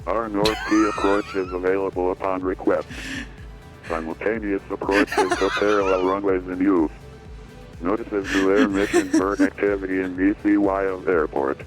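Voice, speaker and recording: A man reading a recorded airport weather broadcast, heard over an aircraft radio, in a steady, measured way through numbers and codes. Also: deep voice, over music. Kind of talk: steady scripted readout of weather and runway information. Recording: dull lo-fi radio audio.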